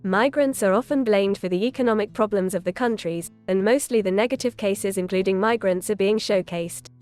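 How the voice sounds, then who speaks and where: A woman reading scripted documentary narration in an even, informative way. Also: medium pitch, a little fast, soft background music.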